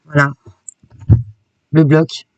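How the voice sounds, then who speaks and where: A woman's voice: low-pitched, flat delivery, very slow, no room sound, distant mic, dull audio. A woman YouTuber chatting enthusiastically through a casual shopping haul vlog. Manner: chatty and enthusiastic, peppered with "hein". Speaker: craft YouTuber.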